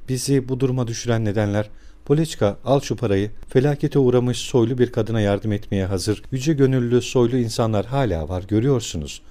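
A man voicing a proud, desperate widowed mother who speaks in a shrill, frantic, theatrical way. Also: fairly quick, mellow, close to an everyday voice.

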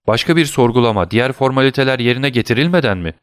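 A man's voice: mid-range voice, expressive, quick pace, no room sound, clean studio sound, voice pushed up, lightly acted. A man voicing a young sailor prisoner who pleads in frantic alarm. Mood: pleading alarm.

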